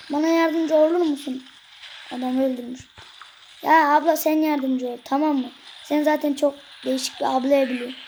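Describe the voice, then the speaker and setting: A gaming video creator giving excitable gameplay commentary, cursing and joking at the game characters. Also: high voice, slight background noise.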